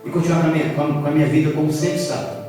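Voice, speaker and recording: A man's voice: on the high side, fairly even intonation, racing. A man preaching a sermon as pastor, impassioned and repetitive. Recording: echoey church hall from far off, faint music.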